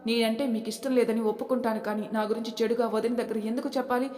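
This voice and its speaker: A woman's voice: on the high side, little pitch movement, very fast, a little mellow, lightly acted. A woman voicing an outspoken young daughter-in-law. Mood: defiant. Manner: firm, pointed. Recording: echoey reverberant room.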